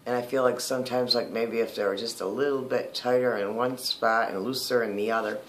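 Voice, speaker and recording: A man in a casual video diary, talking in a chatty, rambling way full of ums. His words come out slightly slurred, with lisping s's from newly fitted dentures. His voice sits at an ordinary middle pitch, with a faint hiss of noise behind him. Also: fairly even intonation, brisk, a bit bright. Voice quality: slightly slurred, lispy speech from new dentures. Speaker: vlogger.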